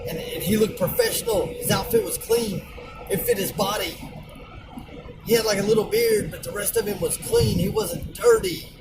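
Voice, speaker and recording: A man's voice: extremely high pitch, big pitch swings, moderate pace, gravelly, recorded from a distance, music in the background, rough recording. A man, a truck driver, telling a rambling, colloquial story in a casual rant, often repeating words and restarting sentences.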